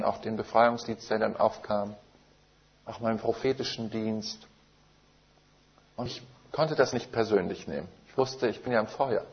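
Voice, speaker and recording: A preacher tells his testimony from the pulpit with emphatic, vivid storytelling. He speaks at a middling pitch for a man. The recording is muffled and a bit lo-fi. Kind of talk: testimony sermon.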